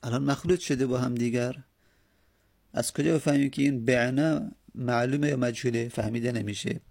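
A male teacher giving a grammar lecture with a rough, gravelly edge to his voice. He talks patiently, reciting verb forms one after another in steady drills and checking in with his students as he goes. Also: medium pitch.

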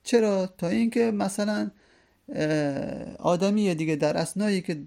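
A man teaching a lesson, who reads classical verses slowly and then explains them at length. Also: high-pitched, vocal fry, mellow. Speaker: teacher of hadith studies.

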